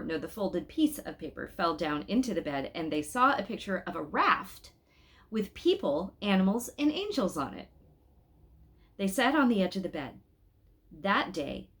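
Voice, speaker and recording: This woman's voice is lowish. She reads a children's story aloud expressively, breaking off at times to talk straight to her audience with questions and side remarks.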